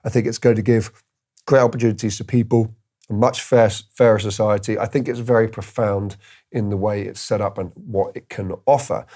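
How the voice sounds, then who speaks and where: A man's voice: fairly low pitch, steady tone, normal speed, dark tone. A man hosting a crypto video, giving casual commentary and thinking aloud with fillers and restarts. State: tired, yawning.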